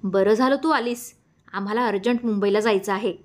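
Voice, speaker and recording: For this audiobook character voice, a woman with a natural, mid-range voice and fairly even intonation reads a story aloud. She portrays a scheming, scornful middle-aged woman whose lines come out sharp, mocking, and hurried.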